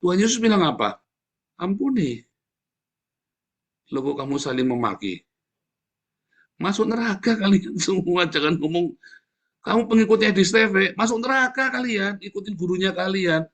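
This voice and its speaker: Animated, laughing preacher man. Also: high-pitched, normal speed. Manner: animated, jokey, frequent laughing asides, addresses congregation as saudara. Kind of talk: informal sermon.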